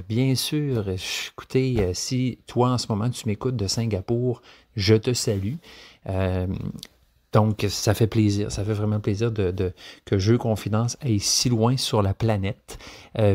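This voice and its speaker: A man's voice: fairly low pitch, a little mellow. A man with a Québécois French accent hosting a podcast, talking casually with many hesitant fillers and restarts. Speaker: podcast host.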